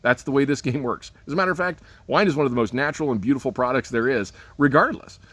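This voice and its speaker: A man's voice: medium pitch, quick pace, a bit bright, no echo. A man winemaker ranting casually to camera, full of sarcastic rhetorical questions and folksy asides. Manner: folksy, swears lightly, laughs at own jokes. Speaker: winemaker giving a rant. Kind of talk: casual spoken rant to camera.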